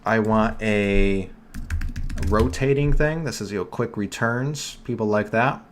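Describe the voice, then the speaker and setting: A man's voice: fairly low pitch, a little slow, slight background noise. A young man with a New York accent hosting a casual live screen-share tutorial, chatting to viewers and correcting himself as he works. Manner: chatty, self-correcting, talks to chat while working. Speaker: livestream host teaching online store building.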